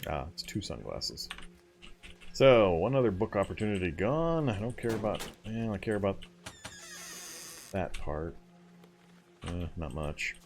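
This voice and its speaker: A man with a low voice that swings up and down, talking through a survival game on a live stream. He explains how the mechanics work as he searches rooms, muttering his way through the loot, and laughs easily when reading viewers' chat. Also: big pitch swings, unhurried, long pauses, a little mellow, slight background noise. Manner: thinks aloud while looting, explains game mechanics. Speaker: let's play streamer.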